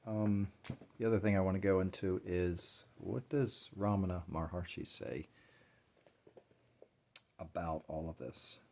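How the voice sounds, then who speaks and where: Low-voiced male spiritual teacher, calm and reflective, drops to hushed asides. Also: creaky, a little hiss or hum. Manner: slow, reflective, drops to near-whisper at times. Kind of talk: meditative dharma talk.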